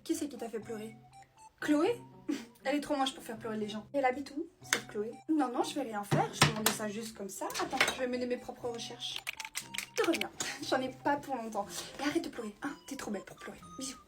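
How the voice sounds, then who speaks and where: A young woman plays a bossy, sarcastic character in a comedy skit, firing off quick retorts in a fairly high voice. Faint music runs quietly underneath her. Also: expressive.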